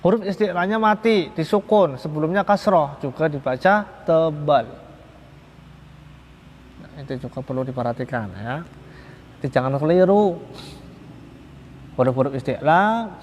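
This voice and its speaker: A man teaching Quran recitation rules in a slow, patient, repetitive lesson, sometimes chanting the examples in a drawn-out way. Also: a little high. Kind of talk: slow religious lesson on tajwid. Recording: echoey long reverb hall.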